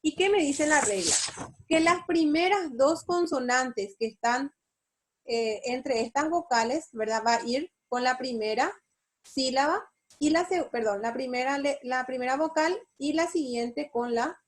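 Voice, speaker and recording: A woman teacher with a Paraguayan Spanish accent, giving an online spelling lesson and explaining step by step with frequent check questions. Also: sits high. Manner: slow, explanatory, asks rhetorical check questions. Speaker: university teacher.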